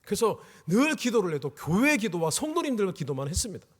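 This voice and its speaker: A middle-aged man preaching in a church hall, his husky, fairly high voice swinging widely in pitch. The long reverb of the sanctuary trails behind his words as he tells his story with deep feeling. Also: very animated, a little fast. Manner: emotional storytelling, rising to pleading cries. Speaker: pastor. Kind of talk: revival sermon.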